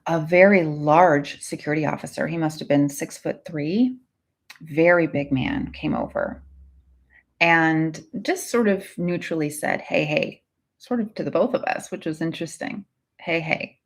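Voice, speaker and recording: An earnest woman hypnotherapist talks casually to her live-stream viewers. She answers their comments and tells a story. Her voice sits low and has a gravelly fry.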